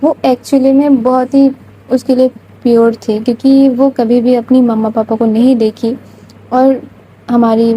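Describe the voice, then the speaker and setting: A woman's voice: a little high, dark tone, slight background noise, rough recording. A woman telling a romance story in a casual, chatty way, with frequent filler words.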